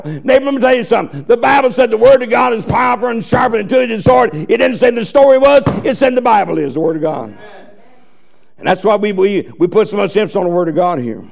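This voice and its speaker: Fiery high-pitched preacher man. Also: creaky. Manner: fiery, folksy preaching with shouted peaks. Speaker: pastor. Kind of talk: sermon.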